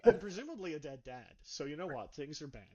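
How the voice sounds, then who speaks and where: A man reviewing a film in casual chat, ranting with sarcastic, animated delivery. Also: a little high, fast talker, highs cut off.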